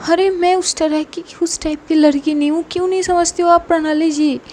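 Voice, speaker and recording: Woman doing a young woman pleading and snapping, high mellow voice, keeps saying please, audio story. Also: steady tone, a little fast, a little hiss or hum. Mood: angry. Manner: pleading, insistent, repeats please. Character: young woman Adhya, upset and pushing her away.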